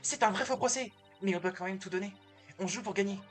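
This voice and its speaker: A man's voice: sits high, quick pace, soft background music, pitched above the performer's own voice, natural voice. A man reading aloud as an eager young woman lawyer who plays the judge in a mock trial. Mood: spirited. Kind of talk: reading game dialogue aloud.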